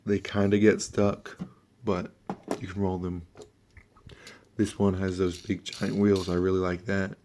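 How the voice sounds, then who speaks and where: A man who sounds under the weather, giving a casual, halting, offhand hands-on toy review and talking through each step. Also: sits low, little pitch movement, warm tone, slight background noise. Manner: offhand, halting, mildly sweary.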